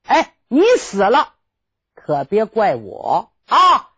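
Coarse drunken male bandit, woman storyteller playing him, gruff mocking drawl, husky; dull lo-fi recording. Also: medium pitch, wildly swooping pitch, takes it slowly, fairly bright tone, dry recording, full character voice.

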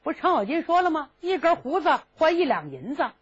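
A woman telling a traditional story with lively, dramatic narration, in a dull lo-fi recording. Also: high-pitched, brisk.

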